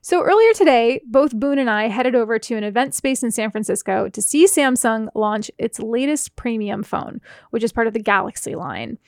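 A woman hosting a tech podcast, playful and quick to laugh as she leads the chat and reads segment intros. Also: on the high side, animated, dry recording, studio quality. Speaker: podcast host.

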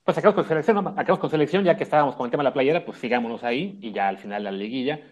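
A man talking football on a sports panel at a fast clip. His voice is middle-pitched, and he is quick to agree with the others. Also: expressive. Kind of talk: casual sports chat.

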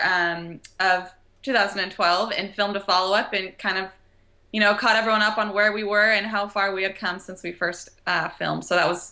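A woman's voice: medium pitch, sharp tone. A young adult woman, a company co-founder, talking confidently and enthusiastically as a guest in a casual interview.

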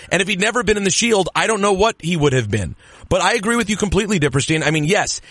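A man hosting a wrestling-talk podcast rants with opinionated energy, his voice sitting a little high. The sound is dry and close, with no room around it. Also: dry recording. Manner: animated, opinionated ranting. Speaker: podcast host. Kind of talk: casual chat.

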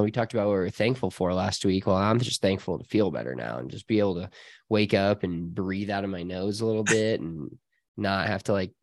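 A man's voice: fairly low pitch, dry recording. An American man co-hosting a casual chat, talking in a rambling, slangy way. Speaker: podcast co-host.

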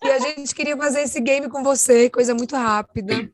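A woman's voice: sits high, steady tone, moderate pace, a crowd in the background. A Brazilian woman co-hosting a podcast, chatty and self-mocking in casual talk. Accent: Brazilian Portuguese. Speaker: podcast co-host.

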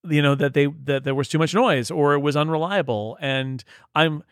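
A man's voice: on the high side, normal speed, clear, resonant tone, dry recording, studio quality. A man co-hosting a podcast, talking casually and thoughtfully, often restarting his sentences as he thinks aloud. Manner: thoughtful, rambling, frequent restarts. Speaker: podcast co-host reporting from an event. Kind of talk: casual tech podcast chat.

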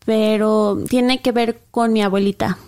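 Slightly high-voiced woman co-host. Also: steady tone, a little slow, darkish tone. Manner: reacts with short interjections. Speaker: podcast co-host. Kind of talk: casual chat.

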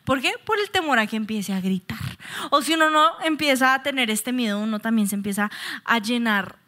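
A woman preaching alongside a co-pastor, candid and expressive, sharing personal stories. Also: on the high side, fairly quick. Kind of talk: sermon with candid personal examples.

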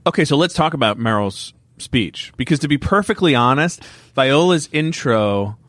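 A man's voice: mid-range voice, lively intonation, moderate pace, fairly bright tone, dry recording. A man co-hosting a casual podcast conversation about awards, talking candidly with self-aware asides. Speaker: podcast host. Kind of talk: casual chat.

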